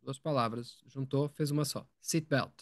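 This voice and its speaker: A man speaking at a medium pitch and moderate pace teaches English live online. He's patient in his explanations, repeating words and questioning his students, and the studio-quality audio has no room sound.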